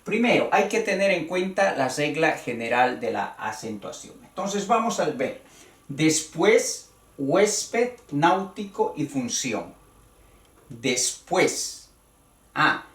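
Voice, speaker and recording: A man teaching a grammar lesson, slow and deliberate, repeating key words as he explains. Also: on the high side, very animated, a bit bright, distant mic. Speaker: Spanish teacher. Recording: roomy sound from away from the mic.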